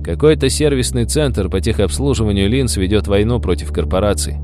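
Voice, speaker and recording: A man voicing a calm middle-aged settler who explains things in a measured way. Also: on the low side, music in the background, lightly acted.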